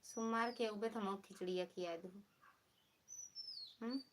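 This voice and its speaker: A woman's voice: mid-range voice, steady tone, unhurried, noisy background. A woman with an Awadhi accent, hosting a casual live stream and chatting teasingly with her viewers. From Pratapgarh, Uttar Pradesh.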